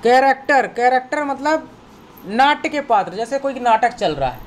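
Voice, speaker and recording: This very high-voiced man teaches vocabulary to children at a moderate pace, his intonation lively. Patiently, he says words again, spells them letter by letter, and confirms the kids have got them. Some slight background noise is present.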